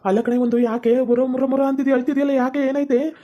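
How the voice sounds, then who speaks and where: A man's voice: extremely high pitch, little pitch movement, brisk, muffled recording, noisy background. A man playing a flustered young husband with a North Karnataka Kannada accent. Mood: panicked. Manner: flustered, calling out in a hurry.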